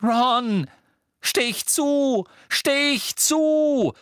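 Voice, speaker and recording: A man's voice: high-pitched, animated, a little slow, slightly rough, no room sound, clean studio sound, voice pushed up, exaggerated voice. Audiobook casting: frantic teenage wizard, raised strained voice, voiced by a male reader. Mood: shouting. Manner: pleading, then shouting urgently. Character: desperate teenage boy wizard urging his friend.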